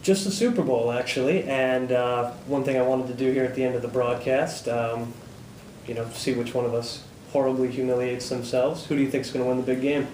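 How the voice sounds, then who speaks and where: A man's voice: mid-range voice, steady tone, brisk, darkish tone, far from the mic, slight background noise. Agreeable man, heard a bit off-mic. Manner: agreeable, brief interjections. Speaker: co-host. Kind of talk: casual news chat. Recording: echoey room, voice slightly off-mic.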